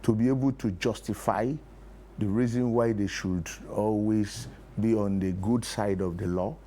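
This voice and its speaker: This middle-aged or older Nigerian man, a play producer, explains his points in a TV studio interview and repeats key phrases to emphasize them. His lowish voice is steady, mellow and unhurried, and the background noise is clear.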